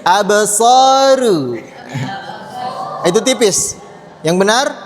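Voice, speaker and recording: A man's voice: high voice, expressive, a little slow, music in the background. A man teaching a Quran pronunciation lesson to children, patiently drilling sounds and having the class repeat after him. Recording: long hall reverb.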